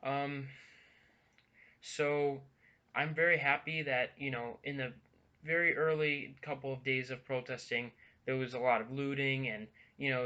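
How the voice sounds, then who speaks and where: Earnest young man with a bright, lo-fi voice. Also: mid-range voice. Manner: halting, many ums and restarts, earnest. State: a bit out of breath. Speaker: vlogger. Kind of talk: casual news commentary vlog.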